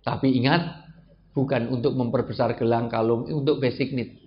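A man's voice: medium pitch, steady tone, moderate pace. A male preacher, giving a humorous religious lecture, joking with the audience and acting out the people he quotes. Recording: dull lo-fi sound with faint noise.

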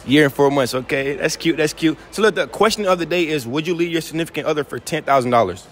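A young man hosting street interviews, energetic and teasing, who repeats his phrases, speaking into a handheld mic outdoors and in a mall. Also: on the high side, fast talker, shouting, very noisy. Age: young adult.

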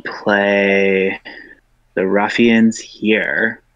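Low-voiced man, slow deliberate player on a dull, dry voice-chat line. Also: flat delivery, a bit bright, no room sound. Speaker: board game player. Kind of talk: announcing game moves over voice chat.

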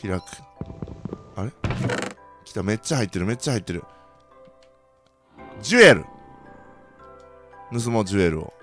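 A young man with a Kansai accent commentating his own game play, bursting into loud reactions and then muttering quietly. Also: fast talker, pauses often, music in the background. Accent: Kansai Japanese. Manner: excitable, reacts loudly to surprises, then mutters low. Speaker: gaming channel host.

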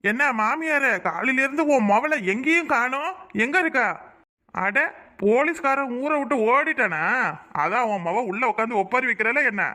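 A man's voice: very high voice, expressive, normal speed, pushed and bright, full character voice. Man voicing a brash, taunting village suitor. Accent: southern Tamil Nadu dialect. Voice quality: taunting, swaggering. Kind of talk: cartoon voice acting.

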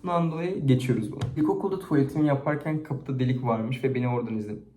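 A man chatting casually to a camera, reading out embarrassing stories and rating them, expressive and chatty. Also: mid-range voice, rapid-fire, slight background noise. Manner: chatty and expressive, with frequent laughter. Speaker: YouTuber reading viewers' stories. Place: indoors at home, set-up camera. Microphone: camera on a stand. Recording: echoey room.

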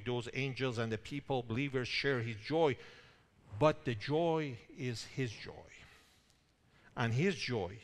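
A man preaching a sermon, emphatic and animated, with rhetorical questions to his listeners. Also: mid-range voice, long reverb tail. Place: church hall.

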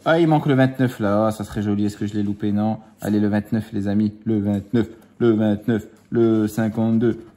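A fairly low, steady, mellow voice comes from a man scratching lottery tickets at home for his vlog. His kids are nearby, and he teases them playfully while slowly drawing out the numbers.

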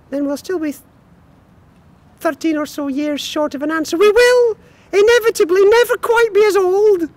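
Goofy Scottish sock puppet, extremely high-pitched, squeaky falsetto, excitable, bantering, puppet-show comedy. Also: male voice. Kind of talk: improvised puppet comedy sketch.

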